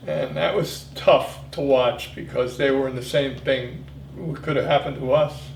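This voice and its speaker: Gravelly old veteran remembering, echoey room. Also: male voice, medium pitch, fairly even intonation, a little slow. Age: 70s. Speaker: Vietnam veteran being interviewed. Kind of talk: reminiscing in an interview. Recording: echoey room, distant mic, faint noise.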